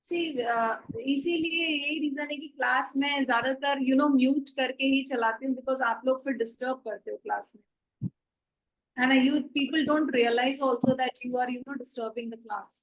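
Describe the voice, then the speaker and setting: High-voiced woman teaching online. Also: takes it slowly, poor audio. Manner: mixes Hindi and English, gives instructions. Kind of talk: online class lecture.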